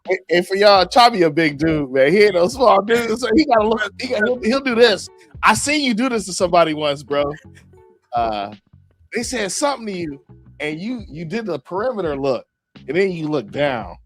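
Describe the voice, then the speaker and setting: Over soft background music, a man with a high voice hosts a podcast at a moderate pace. His casual chat is full of animated, slangy stories and frequent laughter.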